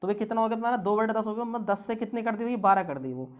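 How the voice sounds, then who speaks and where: Working through exam-prep math problems, a woman tutor poses rhetorical questions at each step. Her pitch is ordinary and her approach patient and methodical, yet she is expressive and talks very fast.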